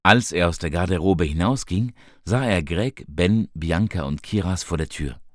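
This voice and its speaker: A man reading a story aloud in a calm, scripted narration, raising his voice for the characters' quoted lines. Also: no room sound, studio quality. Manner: calm, slow, lifts pitch for quoted characters.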